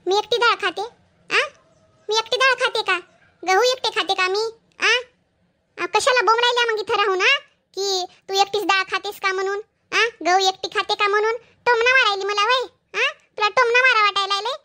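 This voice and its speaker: A lazy, picky young daughter-in-law in a village comedy skit, voiced by a woman, with a Marathwada Marathi accent. She snaps back in a very high voice with a bright, sharp edge and keeps hammering the same challenge. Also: steady tone, normal speed. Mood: angry. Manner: combative, keeps repeating "समजलं काय?".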